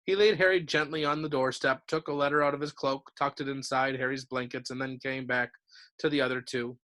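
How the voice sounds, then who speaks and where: A man, a teacher, reading a novel aloud to his class in a steady, clear storytelling manner. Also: medium pitch, fairly quick.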